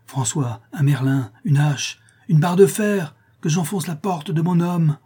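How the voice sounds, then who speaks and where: A man reading an audiobook, voicing a fierce, desperate young woman who shouts frantically for her lover. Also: fairly high pitch, measured pace, breathy edge, voice pushed up. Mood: commanding.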